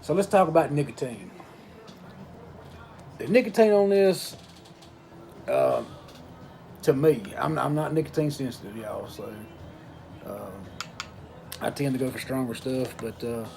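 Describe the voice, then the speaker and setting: A man giving a casual review in an unhurried, folksy way, pausing between short phrases. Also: medium pitch, lively intonation, creaky, darkish tone, slight background noise. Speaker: pipe tobacco reviewer. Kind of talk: casual product review talk.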